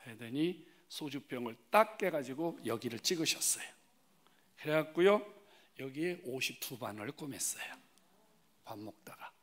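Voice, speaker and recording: A male pastor delivers a testimony sermon in a church sanctuary, speaking at an ordinary middle pitch. His delivery swings from loud, pressing rises down to breathy whispered asides. He keeps turning to the congregation with direct questions. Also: animated, normal speed. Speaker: guest pastor.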